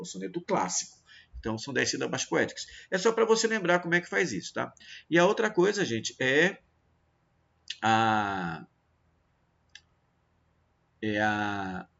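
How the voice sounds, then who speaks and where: A man teaching a literature review lesson, talking straight to his students and slowly counting out syllables aloud. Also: medium pitch, creaky, a bit bright, breathy edge. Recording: dull lo-fi audio.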